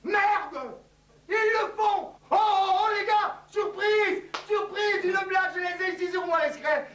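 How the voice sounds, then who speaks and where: A man's voice: sits high, expressive, fast talker, bright, forceful tone, far from the mic, slight background noise, exaggerated voice. A man playing a pompous, boastful patriotic captive who brags of loyalty and breaks into frantic pleading. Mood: panicked. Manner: pompous bragging, turning into frantic panicked pleading. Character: boastful patriotic male captive who cracks under torture. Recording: echoey theatre hall.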